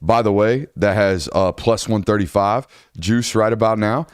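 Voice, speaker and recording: A man's voice: fairly low pitch, normal speed, smooth, no room sound, clean studio sound. A man hosting a casual college football show, talking loosely and correcting himself as he goes. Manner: loose, rambling, self-correcting. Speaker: host. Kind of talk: casual sports podcast chat.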